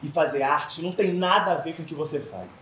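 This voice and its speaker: A man's voice: on the high side, fast, fairly bright tone, close to an everyday voice. A young man with a Brazilian accent playing an earnest, defiant street performer in a stage drama. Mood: earnest, challenging. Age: young adult. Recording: very echoey theatre, far mic, noise.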